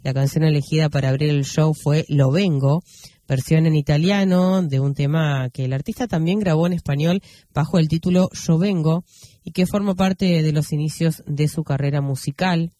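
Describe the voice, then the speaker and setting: A male radio host reads news commentary in a mellow, slightly high voice. He talks unhurriedly, pausing on fillers and correcting himself as he goes. The sound is dry and close, with no room around it. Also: steady tone, dry recording.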